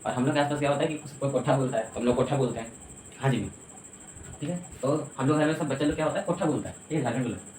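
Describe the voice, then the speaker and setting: In an echoey room, a man delivers an English lesson as a classroom lecture, walking through it step by step and often checking that his students are following. His mid-range voice has a darkish tone and races along, with a little hiss or hum in the background.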